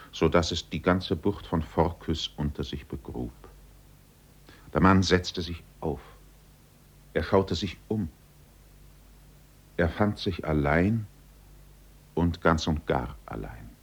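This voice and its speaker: Slow, husky, deep male storyteller. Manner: slow, measured reading. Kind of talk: scripted narration. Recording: dull lo-fi recording.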